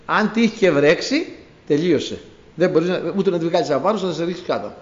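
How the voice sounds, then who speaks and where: A man preaching a sermon to his congregation, telling biblical stories with animated storytelling and acted-out dialogue. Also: fairly high pitch. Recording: echoey room, dull lo-fi sound.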